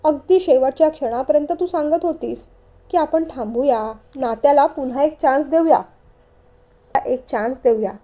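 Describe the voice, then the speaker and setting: A woman's voice: high voice, normal speed, mellow, lightly acted. A woman voicing a remorseful divorced man. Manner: earnest, pleading, heartfelt.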